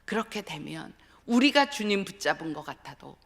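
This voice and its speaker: A middle-aged woman giving an earnest sermon with personal testimony, often dropping to a hushed whisper for emphasis. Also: mid-range voice, sing-song, moderate pace. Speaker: guest speaker at a dawn revival service. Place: church sanctuary. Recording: long church hall reverb.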